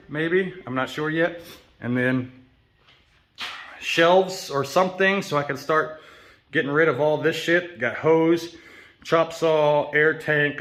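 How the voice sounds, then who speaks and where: An American vlogger rambles through a casual walk-and-talk video, swearing often in slangy, easygoing speech. His voice is a little high and fairly bright, with a little hiss or hum in the recording.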